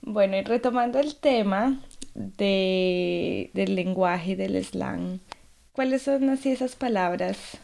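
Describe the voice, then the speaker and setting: A woman's voice: mid-range voice, takes it slowly, gravelly, a little mellow, slight background noise. A woman interviewing a guest in a casual chat, talking in a hesitant way.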